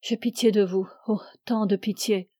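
A man's voice: high-pitched, fairly even intonation, moderate pace, mellow, no room sound, clean studio sound. A woman reading the part of an aging ascetic priest who preaches with solemn fervor. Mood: grave. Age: older. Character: aging ascetic male priest, imperious and pleading.

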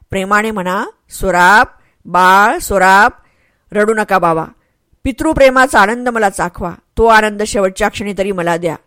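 A woman's voice: mid-range voice, fairly bright tone, no echo, clean studio sound, lightly acted. A woman voicing a brave young male warrior, a dying son who speaks earnestly and pleads tenderly. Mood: pleading.

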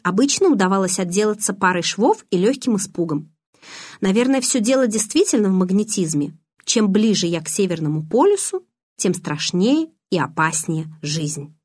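A woman's voice: mid-range voice, animated, normal speed, darkish tone, husky, no echo, clean studio sound. A woman voicing an anxious, touchy teenage girl who speaks in an emotional, pleading way.

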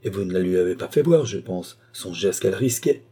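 A man's voice: low-pitched, animated, fast, dark tone. A man voicing a wary American detective who speaks in a guarded, muttering way in a read-aloud novel. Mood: alarmed.

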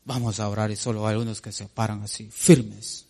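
A man preaching a sermon, addressing the congregation as brothers and reading scripture slowly and emphatically. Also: little pitch movement, a little mellow. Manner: rises sharply in pitch on emphatic points.

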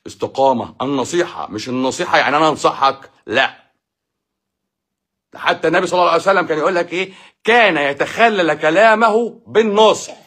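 A man's voice: on the high side, fast talker, sharp tone, breathy edge. A man with an Egyptian Arabic accent talks about faith in an emphatic, preachy way, full of rhetorical questions. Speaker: doctor giving a talk. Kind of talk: casual talk on faith and life.

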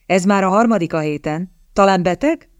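A man's voice: sits high, smooth, no room sound, close to an everyday voice. The narrator voicing a jovial, teasing male army captain who banters with a grin. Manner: mocking, playful, grinning banter.

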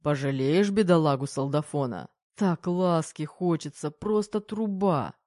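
A woman voicing a teasing, affectionate adult army major in an audiobook, reading his lines in her own low voice. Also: unhurried, darkish tone, no room sound.

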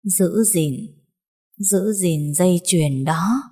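A woman's voice: fairly low pitch, warm tone, slightly rough, exaggerated voice. A woman doing a dying mother's faint whisper. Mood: fading. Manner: faint, halting, breathless whisper. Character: dying older mother, whispering last words. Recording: long reverb.

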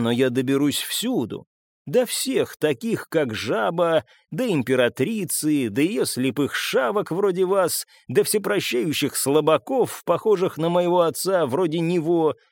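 A man's voice: on the high side, expressive, a little mellow, no room sound, studio quality, pitched above the performer's own voice. A man reading an audiobook and voicing a young male vampire, cold and vengeful, who speaks smugly and mockingly. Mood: menacing. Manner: smug and mocking, with a measured, deliberate delivery.

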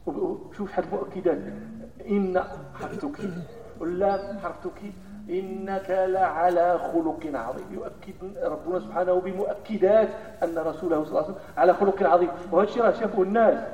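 A man with a Moroccan accent preaching a Friday sermon, moving between hushed solemn recitation and loud animated scolding. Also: high voice, fast, a little hiss or hum. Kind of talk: Friday sermon in Moroccan Arabic mixed with classical Arabic. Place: mosque hall. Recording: echoey hall from far off, dull lo-fi sound.

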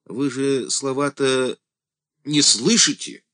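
A man voicing a small, frail, timid old male church deacon who pleads in a high, fretful voice that rises to near cries. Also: expressive, unhurried. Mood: agitated.

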